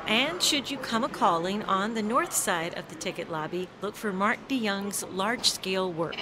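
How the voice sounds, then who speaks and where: A woman's voice: mid-range voice, expressive, moderate pace, noisy background. A woman narrating a scripted arts feature for public television with a polished, upbeat delivery. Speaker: program host. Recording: voice-over with music bed behind.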